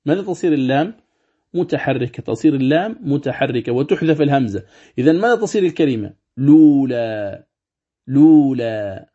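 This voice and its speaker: A man's voice: on the high side, lively intonation, quick pace, mellow, breathy edge, muffled recording. A man teaching a religious lesson on Quran recitation. He explains step by step, asks rhetorical questions and draws out the recited examples.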